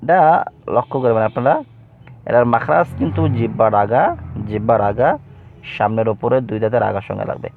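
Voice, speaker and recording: A man teaching Quran reading in an online lesson, chanting syllable drills in a higher sing-song voice between plain explanations. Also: brisk, vocal fry, pauses often, a little hiss or hum. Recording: tinny phone-like line.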